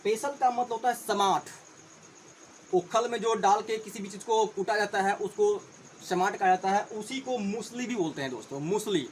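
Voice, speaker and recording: A man's voice: high voice, normal speed, a little hiss or hum, low-quality recording. A man teaching English vocabulary in Hindi. He spells each word out letter by letter, repeats it, and often calls his viewers friends.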